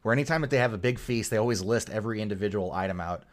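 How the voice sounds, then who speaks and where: Rambling low-voiced man in casual chat. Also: rapid-fire. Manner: rambling, filler-heavy, swears casually. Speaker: podcast co-host.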